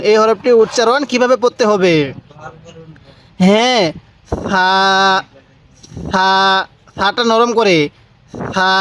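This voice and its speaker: Casting: male Quran reading teacher, fairly high voice, patient and repetitive. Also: slight background noise. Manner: patient, repeats each letter for the viewer to echo. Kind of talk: step-by-step Arabic letter lesson.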